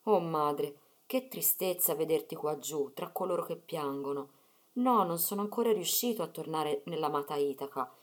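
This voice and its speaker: A woman's voice: deep voice, normal speed. A woman reading the part of a grieving male hero who pleads sorrowfully with his dead mother.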